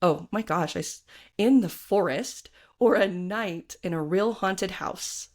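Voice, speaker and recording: A woman's voice: lowish voice, takes it slowly, darkish tone. A woman co-hosting a podcast, asking questions in a bubbly, giggly way. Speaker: podcast co-host. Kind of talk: casual interview chat.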